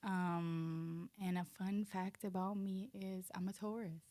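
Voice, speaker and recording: A woman's voice: fairly low pitch, flat delivery, slow pace, mellow. Woman in her thirties. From Denmark. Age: 30s. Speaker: podcast guest, singer. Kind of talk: casual chat.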